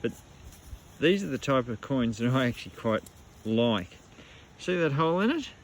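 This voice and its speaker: An Australian man narrates his own metal detecting outing in a loose, laid-back way, tossing in slang and mild swearing. His voice sits at a middle pitch for a man. A faint hiss of outdoor noise runs under the recording. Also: big pitch swings, normal speed. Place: outdoors on the goldfields, rural bush. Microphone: camera mic outdoors, wind at times.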